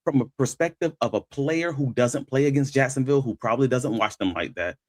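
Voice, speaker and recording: A man's voice: mid-range voice, brisk, dry recording, clean studio sound. A man hosting sports talk, giving conversational analysis and stressing his key points as he argues them. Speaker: sports talk show host.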